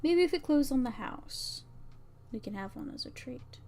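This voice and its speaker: On a relaxed livestream, a VTuber who makes games tests her own visual novel, muttering to herself, thinking aloud, and reading lines as she works. Her voice is high-pitched and animated with a darkish tone at a moderate pace, and faint music plays behind her.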